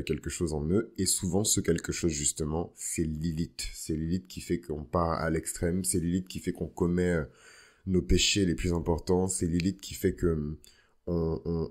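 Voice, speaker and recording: Really low deep guy voice, chatty podcast host talking solo, informal, throws in english slang. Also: a little mellow. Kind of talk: casual astrology podcast monologue.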